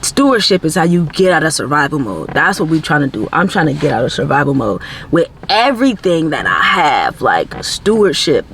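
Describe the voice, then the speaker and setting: A man speaks to his viewers in an earnest, sermon-tinged vlog about self-improvement. His voice sits a little high for a man, and he talks in a loose, conversational way, leaning on "like" and "you know". A faint hiss of background noise runs under the talk. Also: sing-song, normal speed, vocal fry, few pauses, fairly bright tone. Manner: earnest, preachy, heavy on "like" and "you know", faith-based. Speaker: self-growth vlogger. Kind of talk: casual motivational talk to camera.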